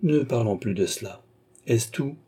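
A man's voice: medium pitch, lively intonation, a little slow, mellow, breathy edge. A man reading an audiobook, voicing a fretful, nervous aging philosopher who speaks cautiously and in haste. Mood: anxious.

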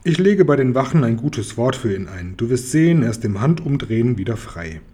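A man's voice: medium pitch, sing-song, fairly quick, warm tone. A man reading aloud, voicing a boastful, persuasive male trader in a children's story. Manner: smooth, persuasive, self-assured.

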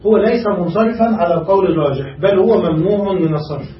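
A man's voice: sits high, quick pace, slight background noise. Give me a male teacher who keeps asking his class check questions, recorded in an echoey room. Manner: quizzes students with frequent check questions. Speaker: grammar teacher. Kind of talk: classical grammar lesson. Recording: echoey room, far from mic, dull.

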